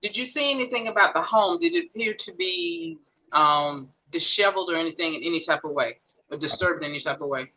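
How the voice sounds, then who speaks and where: A woman's voice: on the low side, animated, brisk, sharp tone, poor audio. A woman prosecutor questioning a witness in court, methodical and step by step. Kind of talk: courtroom direct examination.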